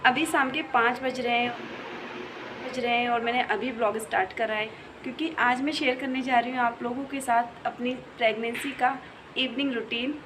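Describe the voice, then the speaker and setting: A young pregnant woman who's feeling unwell vlogs casually at home, moving between the kitchen and bedroom. She's chatty but speaks softly while her child sleeps, her slightly high voice steady at normal speed in a noisy home recording.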